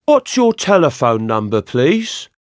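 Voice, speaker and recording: A man acting a polite person taking down a phone number in a scripted course dialogue, repeating digits clearly and carefully. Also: mid-range voice, sing-song, measured pace, darkish tone, no echo, studio quality.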